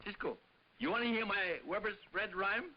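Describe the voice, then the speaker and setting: A man playing a jolly, excitable Western sidekick in a 1950s TV commercial. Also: high-pitched, moderate pace, natural voice. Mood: jolly, eager. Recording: muffled old TV soundtrack.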